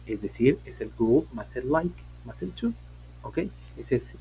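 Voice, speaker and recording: A man's voice: medium pitch, animated, a little slow, dark tone, slight background noise, rough recording. A man, teaching an online English class, explaining patiently, repeating points and asking his students questions.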